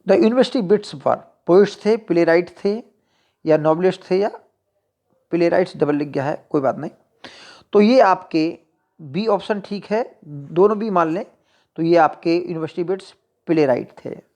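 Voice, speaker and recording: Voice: mid-range voice, unhurried, darkish tone. A teacher giving an exam-prep lecture, reading each question and its options aloud and then explaining the answer in Hindi with English literary terms mixed in.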